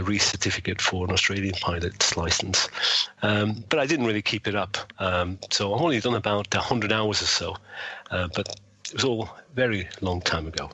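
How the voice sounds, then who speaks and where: A mature male guest with a rather low, husky voice and a bright edge. He recounts things casually, feeling his way through phrases with small hesitations. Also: no echo, poor audio. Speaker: interview guest. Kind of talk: casual anecdotal interview talk.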